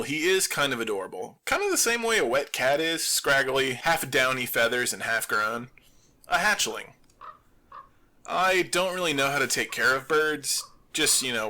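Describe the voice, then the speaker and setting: With a medium-pitched voice, a man acts out a scripted audio drama monologue as a radio show's lone surviving host, keeping the humor wry and deadpan.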